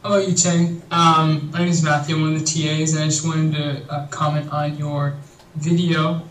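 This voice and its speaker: Male teaching assistant, flat and a little high. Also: normal speed, roomy sound, recorded from a distance, low-quality recording. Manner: friendly, many fillers. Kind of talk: video feedback.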